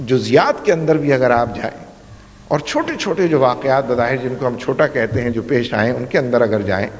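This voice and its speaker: A male preacher delivers a rhetorical sermon, building each point through repeated phrases and weaving in Arabic recitation. His mid-pitched voice rings out in a large hall with a long reverb tail. The recording sounds dull and muffled.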